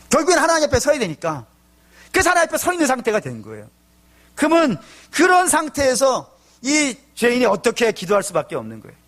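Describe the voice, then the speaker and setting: A male pastor preaching a sermon, asking the congregation rhetorical questions and acting out tearful prayers, swinging between loud pleading and hushed low tones. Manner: acts out tearful prayers in his own voice.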